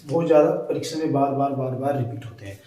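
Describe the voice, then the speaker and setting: A man teaching a lesson for exam preparation. He checks in often with "okay?" and slowly draws out words as he spells them. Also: medium pitch, mellow. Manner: repeats checks like "ठीक है" and "है ना". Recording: very echoey room, far from mic, faint noise.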